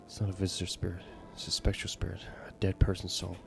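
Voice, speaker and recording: A man's voice: sits low, monotone, fast, vocal fry, in a whisper, pitched below the performer's own voice. Man voicing a shady spirit-removal consultant. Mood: ominous. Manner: ominous warnings slipping into customer-service politeness. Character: shady paranormal consultant man, ominous and salesy.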